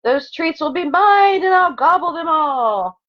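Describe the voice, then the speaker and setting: Speaking at a measured pace in a very high voice with lively intonation, a woman who teaches second grade reads to kids online. The lo-fi home recording has her reading story lines expressively and chatting in between.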